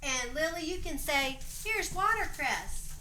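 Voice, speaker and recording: A woman with a high-pitched, pushed, bright voice and lively intonation reads a story aloud a little slowly as narrator of a homemade family play. She coaches the others, prompting them to repeat lines with off-the-cuff directions. The amateur home recording is roomy and noisy.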